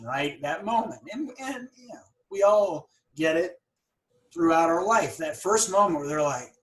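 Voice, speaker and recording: This podcast host, a middle-aged man who owns a dental practice and works as a dentist, conducts a conversational interview in a fairly high voice. He is earnest, though he stutters and repeats words at times, and the recording is rough.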